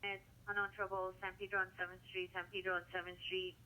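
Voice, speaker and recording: Dispatcher on a police radio scanner: flat, bright, very fast, clipped reading of codes. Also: medium pitch, slight background noise, rough recording. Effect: police radio heard over a scanner.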